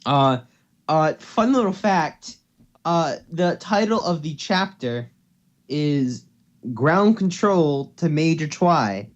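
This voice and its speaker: He speaks slowly in an animated, high-leaning voice, with the highs cut off. Reading fan fiction informally to a co-host over a noisy home voice call, he keeps stumbling over words and restarting.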